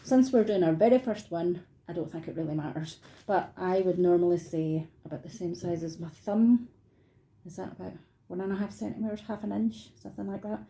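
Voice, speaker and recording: A middle-aged Scottish woman teaches an online craft workshop from her dining room, chatting informally and encouragingly. Her voice is on the low side, steady, a little fast, creaky and warm, though the audio is poor.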